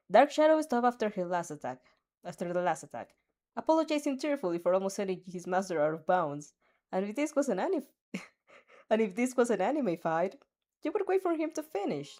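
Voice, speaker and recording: A fanfiction reader reads a second-person fan story aloud, often slipping, restarting and giggling. Her mid-range voice is mellow and sing-song, at a moderate pace.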